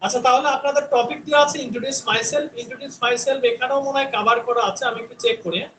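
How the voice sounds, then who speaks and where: A man with a very high voice teaches an online English pronunciation class. He repeats each sound several times and keeps checking that his students follow. The room is echoey, with faint noise behind him. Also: fairly even intonation, a bit bright. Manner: drills sounds by repeating them slowly, checks in with "হ্যাঁ?".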